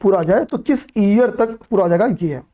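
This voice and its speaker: A man's voice: high voice, lively intonation, a little fast, mellow. Hindi-speaking male coaching teacher lecturing. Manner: repetitive, checks in with "okay, pay attention"; asks and answers own questions. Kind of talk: classroom lecture on current affairs.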